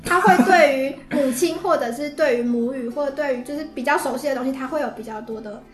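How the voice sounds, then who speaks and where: A woman's voice: sits high, fast talker, reverberant, faint music behind. A woman with a Taiwanese Mandarin accent explaining things casually as a podcast guest.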